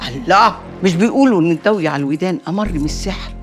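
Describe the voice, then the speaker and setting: An actress playing a shrewd, proverb-quoting older matriarch with an Egyptian Arabic accent, in a TV drama. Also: female voice, fairly low pitch, lively intonation, very fast, faint music behind, lightly acted. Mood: scheming. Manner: sly, proverb-quoting, teasing. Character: shrewd older neighborhood matriarch, scheming aunt figure. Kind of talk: TV drama acting.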